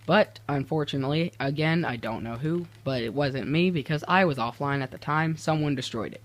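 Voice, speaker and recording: A man's voice: on the high side, brisk. A teenage boy casually commenting on his game builds, rambling and restarting his sentences, easily exasperated. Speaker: gaming video creator.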